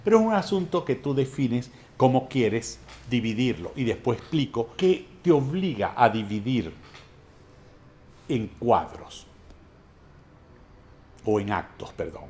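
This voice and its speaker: A middle-aged man giving a drama master class, explaining in a measured way and lifting his voice to stress each new point. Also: mid-range voice, a little hiss or hum. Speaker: drama teacher.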